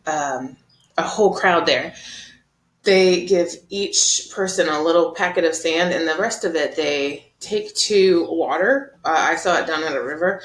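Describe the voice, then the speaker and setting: A woman teaching an art lesson over slides, explaining in a relaxed, chatty way with frequent ums and uhs. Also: sits low, a little hiss or hum. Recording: roomy echo.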